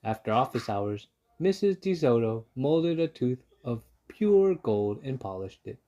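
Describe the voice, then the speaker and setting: A man's voice: mid-range voice, very animated, unhurried, dark tone, highs cut off. A man narrating a children's story from a book, as a read-aloud. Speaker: storybook reader.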